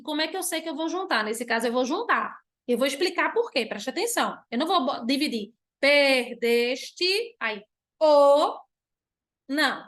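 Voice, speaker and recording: Brazilian lady teacher online, high voice, patient, asks herself questions then answers. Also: a bit bright. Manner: patient, explanatory, answers her own rhetorical questions; drawn-out stressed words when demonstrating. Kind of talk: online class lecture.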